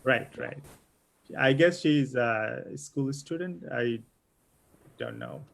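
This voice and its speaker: A man's voice: mid-range voice, wildly swooping pitch, slow pace, vocal fry. A male host, hesitantly moderating questions in an online interview. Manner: hesitant, many fillers.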